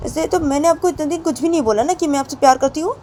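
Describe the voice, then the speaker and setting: A woman's voice: high-pitched, rapid-fire, a little mellow, a little hiss or hum, pitched above the performer's own voice, close to an everyday voice, low-quality recording. A woman voicing a young woman who pleads emotionally with her partner, repeating herself with rising insistence. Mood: upset pleading.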